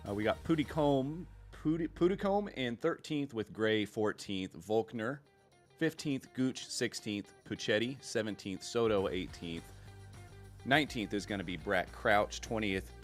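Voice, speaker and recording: A man with an American accent commentating a sim racing broadcast in a laid-back, chatty way, laughing often. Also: fairly low pitch. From United States. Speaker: race commentator.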